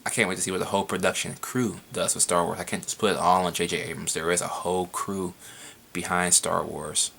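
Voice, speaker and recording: Low gravelly young man rambling casually. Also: flat delivery, a little fast, sharp tone, slight background noise. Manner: rambling, frequent swearing, laughs. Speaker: vlogger answering viewer questions. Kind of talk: casual Q&A vlog.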